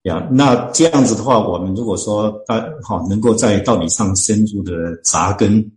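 A man, a church deacon and author, explains scripture in an interview, talking earnestly and slowly finding his words with many drawn-out fillers. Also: on the low side, darkish tone, reverberant, low-quality recording. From Chinese-speaking, living in Canada.

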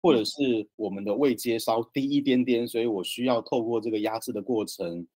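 Male communication coach, raspy, measured delivery, dry close sound. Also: mid-range voice, no echo. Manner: calm, measured explaining. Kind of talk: explaining in a podcast interview.

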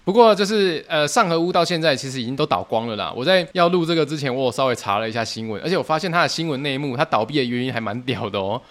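Young taiwanese guy on a podcast, talks super quick, keeps jumping into other people's voices. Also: mid-range voice. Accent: Taiwanese Mandarin. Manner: animated, acts out other people's lines in raised voices. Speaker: podcast host. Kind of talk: casual storytelling.

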